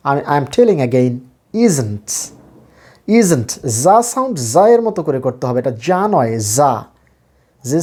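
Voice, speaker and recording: Mellow-voiced Bangladeshi man teaching English. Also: a little high. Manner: explains slowly and repeats key words. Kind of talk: spoken language lesson.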